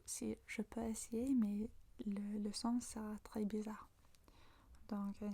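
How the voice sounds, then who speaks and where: Woman, English accent, native English speaker, whispered ASMR lesson, breathy, mellow, halting. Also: medium pitch. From Manchester, England. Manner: slow, halting, searching for French words. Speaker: ASMR language teacher.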